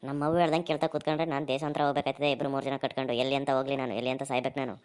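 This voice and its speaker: Woman doing cartoon village guy, deep voice, fast and grumbly. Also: level tone, a little mellow, clean tone. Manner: rapid rustic dialect, exasperated. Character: grumbling broke village man.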